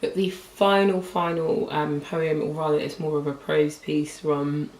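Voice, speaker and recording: A young woman talks casually about books, slightly hoarse and filling her sentences with "like". She sits a little back from the mic, in a room with a noticeable echo. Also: low voice, flat delivery, measured pace, a little mellow, recorded from a distance. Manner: chatty, rambling, lots of "like" fillers. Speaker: book vlogger. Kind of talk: casual book review chat. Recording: roomy echo, voice a bit off-mic.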